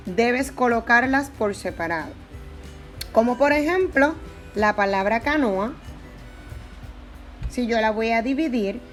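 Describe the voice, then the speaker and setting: Slow, high-voiced woman teaching grammar. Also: a bit bright. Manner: patient, repeats and spells out examples. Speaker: Spanish teacher. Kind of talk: explanatory grammar lesson.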